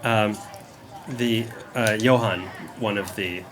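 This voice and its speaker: A man running a tabletop game as game master, halting with many ums and laughing easily. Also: fairly low pitch, fairly bright tone.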